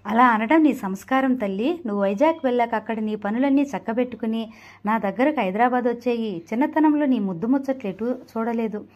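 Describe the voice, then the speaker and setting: A woman's voice: on the high side, fairly quick, lo-fi sound, lightly acted. A woman reading the lines of a remorseful wealthy older father who pleads with his daughter, in an earnest storybook delivery. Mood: pleading.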